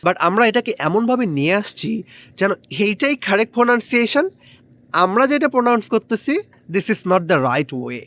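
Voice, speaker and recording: A man giving a lively spoken English lesson outdoors by the water, switching between Bengali and English. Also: high-pitched. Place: outdoors by the water in the late afternoon.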